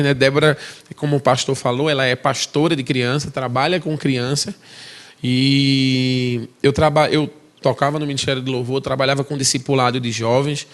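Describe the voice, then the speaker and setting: A man's voice: medium pitch, fairly bright tone. A man in his forties from Recife with a Pernambuco accent, giving a chatty testimony in church as a missionary and talking straight to the congregation. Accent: Pernambuco Brazilian Portuguese. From Recife, Brazil. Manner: conversational, chatty asides to the congregation.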